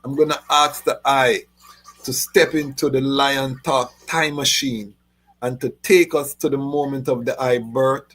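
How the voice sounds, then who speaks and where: A man hosting a podcast interview, relaxed, asking questions in Rasta phrasing. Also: mid-range voice, unhurried. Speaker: podcast host.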